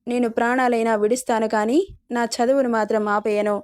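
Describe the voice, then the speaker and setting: A woman's voice: fairly high pitch, little pitch movement, fairly quick, a little mellow, clear, resonant tone, no echo, clean studio sound, lightly acted. A woman reading the storybook heroine, a young student who answers firmly. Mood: defiant. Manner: firm, pleading. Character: young woman student, defiant yet frightened.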